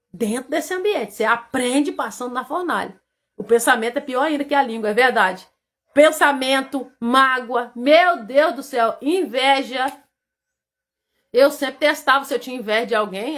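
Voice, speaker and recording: A woman with a Brazilian Portuguese accent giving a devotional talk, fervent, swinging from hushed asides to loud exclamations. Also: high voice. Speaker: preacher. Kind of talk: devotional preaching.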